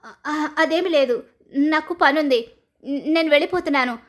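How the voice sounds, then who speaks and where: A woman's voice: high-pitched, moderate pace, pitched above the performer's own voice, lightly acted. Woman doing a nervous middle-aged man, stammering and evasive.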